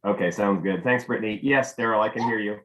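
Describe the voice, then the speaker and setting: A man's voice: on the low side, fast talker, fairly bright tone, rough recording. Man running a Zoom tech check. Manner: chatty, easygoing, mutters while working. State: losing his voice. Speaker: host. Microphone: computer mic on video call.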